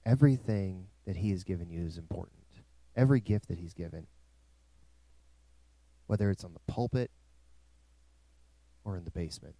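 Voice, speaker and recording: A man's voice: deep voice, normal speed, pauses often, mellow, no room sound. A male pastor preaching a sermon in a dry, close recording, with emphatic rising swells.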